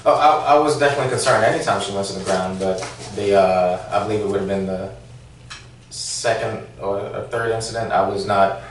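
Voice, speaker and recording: A man's voice: fairly low pitch, brisk. A man, a former police officer, answering questions at a formal hearing, hesitant, with many fillers and restarts. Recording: echoey room, distant mic, faint noise.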